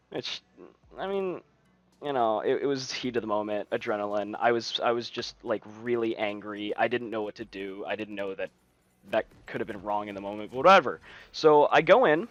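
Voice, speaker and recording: A man's voice: medium pitch, fairly bright tone, no room sound. Rambling man telling a camp story. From United States. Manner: rambling, frequent restarts and fillers. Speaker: streamer telling a story to friends. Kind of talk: casual storytelling. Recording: dull lo-fi stream mic.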